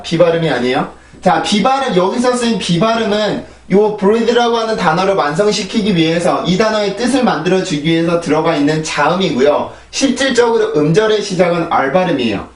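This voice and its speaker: A man with Korean as his first language, teaching English pronunciation in a casual spoken lesson, explaining patiently and repeating each drill word slowly. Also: sits high, echoey room, recorded from a distance. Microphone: desk microphone, phone camera.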